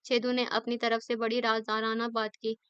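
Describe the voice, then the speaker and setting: A woman reads a novel aloud in a very smooth, clear voice pitched a little high. She holds an even, level delivery. The recording is dry and a bit dull, with a lo-fi edge. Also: normal speed, no echo. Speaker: narrator.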